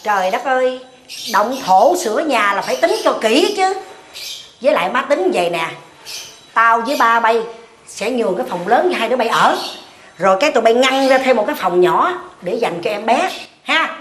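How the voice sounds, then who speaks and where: A woman's voice: fairly high pitch, expressive, moderate pace, fairly bright tone. A woman in her sixties with a southern Vietnamese accent, acting a bossy, doting mother in a comedy skit, exclamatory and insistent. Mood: eager. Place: tiled living room. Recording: echoey room with clear noise.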